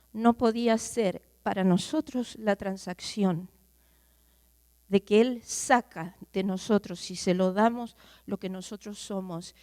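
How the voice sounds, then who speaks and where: A woman preaching a sermon, questioning her listeners directly and swinging from loud outbursts to hushed, near-whispered lines. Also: mid-range voice, no echo. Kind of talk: sermon to a congregation.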